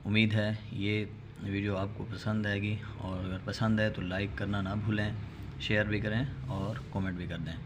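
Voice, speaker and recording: A man with a Pakistani Urdu accent teaching Quran reading. He chants each syllable slowly and loudly, then explains quickly in between. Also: fairly low pitch, level tone, noisy background. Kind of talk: recitation lesson.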